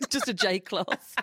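A woman's voice: mid-range voice, fairly bright tone, slightly rough, no room sound, clean studio sound. A woman co-hosting a podcast in casual chat, teasing and joking with lots of laughter. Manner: teasing, jokey, laughs a lot. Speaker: podcast co-host.

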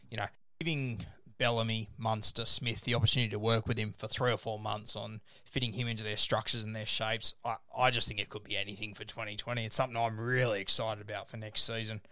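A man's voice: lowish voice, steady tone, fast, sharp tone, no echo. Australian man hosting, close dry sound. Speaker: podcast host. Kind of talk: casual sports discussion, running through a ranked list.

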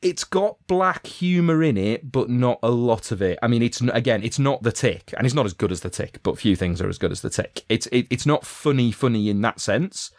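A man's voice: medium pitch, animated, a little fast, few pauses, a little mellow, no echo, studio quality. A British man hosting a casual podcast chat, rambling with lots of fillers and restarts. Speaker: podcast host.

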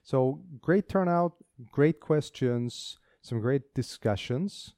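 A man's voice: mid-range voice, lively intonation, takes it slowly, warm tone, no room sound, studio quality. A man co-hosting a casual tech podcast, talking with enthusiasm and frequent restarts. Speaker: podcast co-host.

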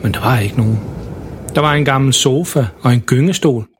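A man's voice: mid-range voice, a little hiss or hum. A man narrating a children's story in simple, plain storytelling.

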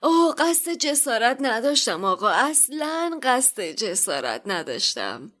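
A woman voicing an oily, fawning male shopkeeper who speaks slowly and grovels. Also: a little high, very animated, fairly bright tone, pitched above the performer's own voice. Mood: apologetic. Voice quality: greasy smooth voice. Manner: slow, groveling.

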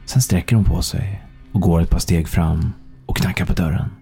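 A man narrating a thriller audiobook in a calm, measured storytelling manner. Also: low-pitched, creaky, slightly rough, faint music behind.

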